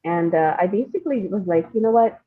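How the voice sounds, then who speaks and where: An Indian woman, a playwright and screenwriter, is a guest in a reflective interview, sounding thoughtful and hesitant with some self-deprecating humor. Her mid-range voice has lively intonation and a fairly quick pace, heard over phone-quality sound.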